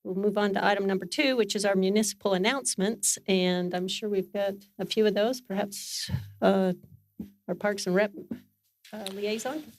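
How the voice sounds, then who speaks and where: A woman chairing a council meeting in a formal but unscripted way, with halting phrasing and self-corrections. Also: medium pitch, steady tone, dry recording. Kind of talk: formal meeting facilitation, partly off the cuff. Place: council meeting room, speaking into a microphone.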